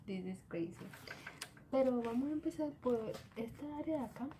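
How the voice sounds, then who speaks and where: A woman's voice: a little high, expressive, unhurried, mellow, a little hiss or hum. A young woman from the Dominican Republic with a Dominican Spanish accent, chatting casually as she shows her planner, slipping English words into her talk, filmed on a phone in a small bedroom. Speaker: vlogger. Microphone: phone camera at arm's length.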